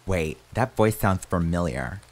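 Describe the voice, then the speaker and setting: A man's voice: low-pitched, expressive, measured pace. A man playing a vain, bossy, irritable female socialite in a comedy skit, indignant and haughty. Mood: scornful.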